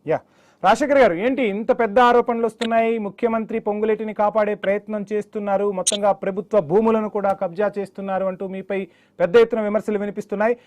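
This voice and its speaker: Brisk high-pitched news anchor man. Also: fairly even intonation, darkish tone. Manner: brisk, pressing questions. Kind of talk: news debate hosting.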